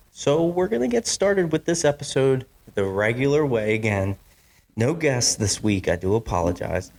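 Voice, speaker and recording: A man hosting his own podcast from a home basement studio, talking casually, apologizing often and restarting his sentences. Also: fairly low pitch. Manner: chatty, apologetic, with many fillers and restarts. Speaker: podcast host. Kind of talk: casual solo podcast talk. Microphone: studio microphone.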